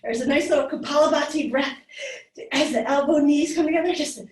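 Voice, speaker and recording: A woman's voice: high voice, brisk, darkish tone. A woman yoga instructor leading a live class with hand weights, cueing each move in an encouraging, slightly winded voice. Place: yoga studio. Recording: echoey room, voice from far off.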